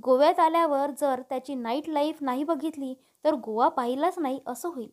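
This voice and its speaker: Woman narrator as a bubbly young woman, playful, high pitched, storybook. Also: moderate pace, close to an everyday voice. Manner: playful, excited. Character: lively cheerful young woman.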